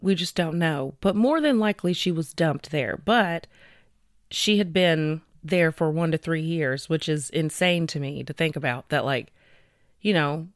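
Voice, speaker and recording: Presenting cases as a true-crime podcast co-host, a woman speaks casually and chattily, using fillers and slowing down for details. Her voice sits low, in a dry recording with clean studio sound.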